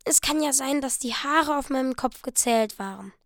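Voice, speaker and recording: A woman reading the part of a young wife who pleads eagerly with her husband, her voice raised higher and louder. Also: moderate pace, dry recording, clean studio sound. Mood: pleading. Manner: breathless, pleading and excited.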